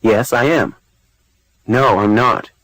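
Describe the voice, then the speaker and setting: Male drill voice, unhurried, deliberate, medium pitch, dry room. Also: fairly bright tone, dry recording, rough recording. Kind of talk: recorded language-course dialogue.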